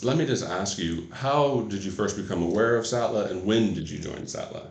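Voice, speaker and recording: A man's voice: on the low side, moderate pace, creaky. A man interviewing a guest for a lawyers' association, encouraging and friendly, with many fillers. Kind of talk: casual interview. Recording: echoey room.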